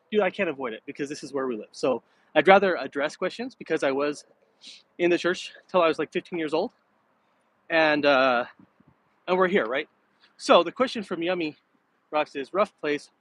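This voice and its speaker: His voice is a little high and a bit bright. He is a middle-aged American man live streaming as he walks outdoors along city streets, relaxed and chatty as he replies to viewer comments, with background noise from outside.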